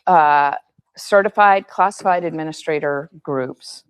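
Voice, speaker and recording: A woman's voice: deep voice, measured pace, clean tone. A woman who is losing her voice, giving a meeting group directive step-by-step instructions. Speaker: meeting facilitator. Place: meeting room.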